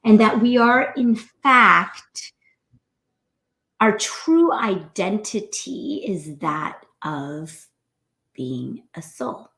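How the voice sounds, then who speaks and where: Extremely slow, a lively New York host who is also a doctor talks casually about spirituality to a live audience. Animated, she ends lines with "right?", laughs frequently, and voices quotes in a high pitch.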